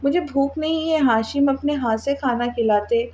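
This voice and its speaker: A woman's voice: high voice, normal speed, mellow, muffled recording, lightly acted. A woman voicing a tearful young woman in a read-aloud novel, sobbing and pleading.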